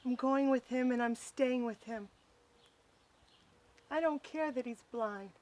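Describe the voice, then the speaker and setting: A woman's voice: a little high, a little slow, a little mellow, close to an everyday voice. An actress playing a determined young pregnant woman who speaks firmly and resolutely. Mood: defiant. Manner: firm, resolute.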